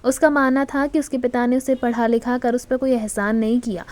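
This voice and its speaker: A woman storyteller reading a romantic serial as a steady, scripted audiobook narration. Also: fairly high pitch, a little fast.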